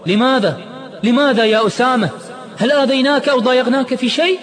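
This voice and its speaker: Guy doing hot-headed young dude yelling high and loud, reverby hall. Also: quick pace. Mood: shouting angry. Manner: shouting, indignant. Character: young man, brash, hot-tempered, pleasure-seeking.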